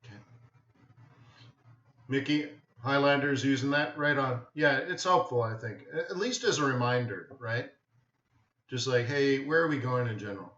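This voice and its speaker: With a mid-range, fairly bright voice at a moderate pace, a man running a live trading webinar talks offhandedly and casually, leaving long pauses. He thinks aloud and often checks in with "right?", and the recording is dull, roomy and echoey.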